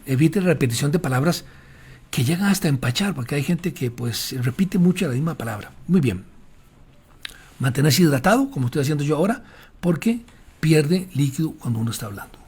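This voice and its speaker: A man's voice: a little high, expressive, a little fast, a little mellow, slightly rough. A man teaching fellow pastors how to use the voice in preaching, giving direct advice in a didactic manner with frequent fillers. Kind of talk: instructional lecture to pastors. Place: speaking while drinking water during a talk.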